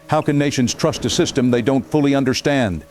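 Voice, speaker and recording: In an audio drama, a man plays a composed news anchor interviewing a guest, putting probing questions in a formal broadcast manner. His medium-pitched voice is brisk and darkish, close to an everyday voice, with faint music behind it.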